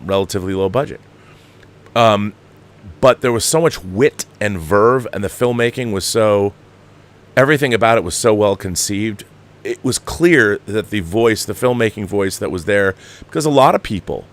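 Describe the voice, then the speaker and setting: With a fairly low pitch, an American show host in his fifties talks passionately about films, speaking spontaneously in an emphatic, halting way that wanders into digressions.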